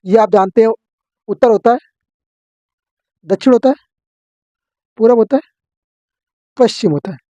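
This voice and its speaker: A man teaching an exam-prep geography lesson, drilling his students with quick questions and answers. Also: high voice, dark tone, no room sound, dull audio.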